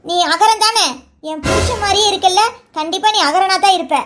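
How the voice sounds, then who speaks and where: A woman voicing a gentle, worried middle-aged village aunt in a cartoon. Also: extremely high pitch, brisk, slight background noise. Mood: anxious. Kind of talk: cartoon voice acting.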